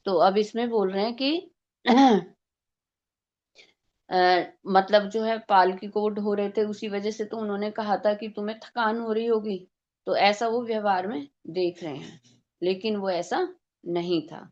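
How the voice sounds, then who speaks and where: A woman's voice: mid-range voice, steady tone, a little slow, a little mellow. Woman, scripture teacher, devotional class, step-by-step explanation, rhetorical questions, muffled lo-fi sound.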